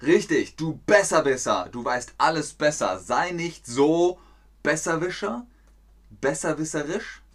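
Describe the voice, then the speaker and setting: A man's voice: fairly high pitch, expressive, a little slow. A man hosting a live-streamed German lesson, playful and talking to chat viewers by name. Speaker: German teacher hosting a livestream.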